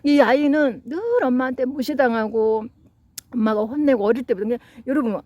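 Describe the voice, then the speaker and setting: A woman's voice: fairly high pitch, fairly quick, a little mellow, dry recording, lo-fi sound. Earnest woman lecturing on parenting. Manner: earnest storytelling, acting out quoted parents and children. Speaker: psychology lecturer. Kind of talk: lecture with anecdotes.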